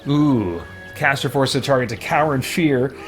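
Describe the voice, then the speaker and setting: A man streams a game live, chatting casually, thinking aloud and reading things out as he plays. His mid-range voice moves at a moderate pace, with faint game music underneath.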